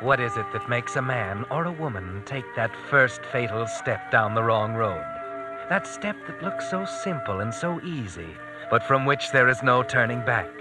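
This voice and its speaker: An ominous, all-knowing storyteller of crime played by a man from a 1940s radio mystery, deliberate and theatrical. His delivery swings widely in pitch, and loud music plays behind him. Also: lively intonation, natural voice, poor audio. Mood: grave, suspenseful. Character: the Whistler, sinister all-knowing male narrator of crime tales. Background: loud dramatic music.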